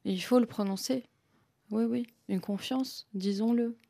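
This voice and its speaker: A woman in her forties speaks in a radio interview with a gravelly, slightly creaky voice, dry and close to the microphone. She talks haltingly, with restarts and soft laughter, moved by the subject. Her pitch sits in the middle range. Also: dry recording. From Lebanon. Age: 40s. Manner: hesitant, halting, emotional, laughs softly. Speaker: guest author and illustrator.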